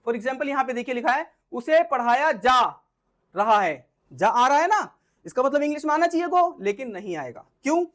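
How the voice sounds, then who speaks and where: A woman teaching an English grammar lesson. She explains step by step, keeps checking that her listeners follow, and clears her throat now and then. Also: high-pitched.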